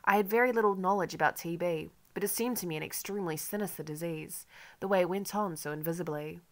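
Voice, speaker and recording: A woman narrating a first-person literary audiobook in a measured, wry manner. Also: on the low side.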